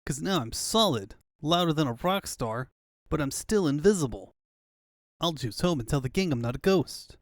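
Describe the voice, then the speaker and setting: A man's voice: fairly high pitch, lively intonation, moderate pace, no echo, clean studio sound. A man voicing a cocky, cheeky young hedgehog hero in a comic dub, with a breezy manner. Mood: confident.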